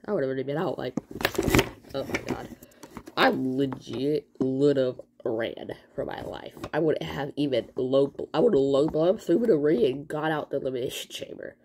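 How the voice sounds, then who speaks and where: A young woman vlogger giving a rambling, excitable, slang-filled casual recap of a wrestling event. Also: very deep voice, moderate pace, gravelly, slight background noise.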